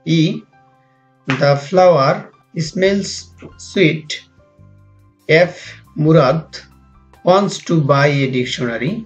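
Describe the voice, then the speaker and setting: A fairly high-voiced man with a Bangladeshi accent leads a textbook English lesson at a very unhurried pace. He reads each line carefully and then gives it again in Bangla. The audio is muffled and lo-fi, with soft music under his voice. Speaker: English teacher.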